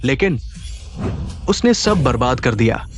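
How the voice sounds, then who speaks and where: A man's voice: medium pitch, sing-song, measured pace, faint music behind. A man dubbing a scheming village headman in a drama, speaking in an indignant, blustering way. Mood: lecturing. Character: scheming male village headman, quick to anger. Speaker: dubbing actor. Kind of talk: dubbed drama acting.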